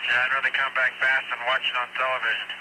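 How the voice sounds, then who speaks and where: A man's voice: mid-range voice, little pitch movement, fast. A man speaking as an astronaut in terse exchanges over a spacecraft radio. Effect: spacecraft radio transmission. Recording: very noisy, hissy spacecraft radio link.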